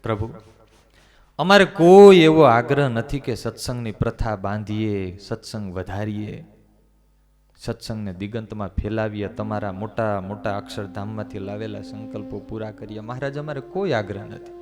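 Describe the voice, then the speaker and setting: Man doing a helpless monk begging through tears, quiet and slow. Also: lowish voice, soft background music, close to an everyday voice. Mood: pleading. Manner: pleading, soft and slow.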